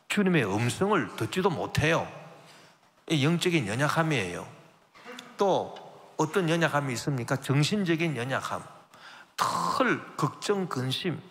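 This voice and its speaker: Male pastor, mid-pitched and gravelly, sermon delivery that swells on key phrases, church hall echo. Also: fairly bright tone. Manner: preaching with rising emphasis and spoken asides. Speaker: senior pastor. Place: church sanctuary. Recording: long church hall reverb.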